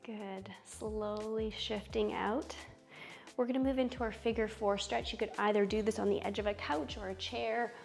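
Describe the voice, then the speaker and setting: A woman in her thirties guiding a stretch routine as a prenatal yoga instructor, in a gentle, soothing, encouraging manner. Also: fairly high pitch, fairly even intonation, fast talker, creaky, hardly any pauses. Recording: music under the voice. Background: background music.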